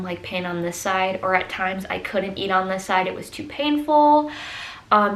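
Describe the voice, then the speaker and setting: A woman's voice: mid-range voice, a bit bright. A woman telling a personal story in a casual, conversational vlog style, stressing key words for emphasis. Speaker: vlogger. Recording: echoey, roomy sound.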